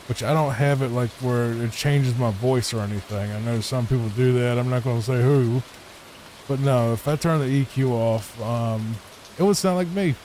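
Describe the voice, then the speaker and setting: A man with a Virginia accent giving soft, rambling gameplay commentary meant to help listeners sleep, recorded on a microphone in a home room. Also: mid-range voice, slight background noise, poor audio. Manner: laid-back, rambling. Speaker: gameplay channel host. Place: home room, not a booth. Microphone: studio microphone with added EQ.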